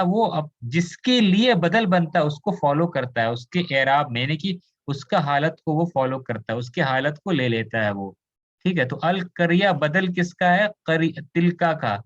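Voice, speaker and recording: A man's voice: on the high side, highs cut off. Indian man teaching Arabic grammar. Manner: explains patiently, mixes in English, asks students questions. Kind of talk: online class lecture.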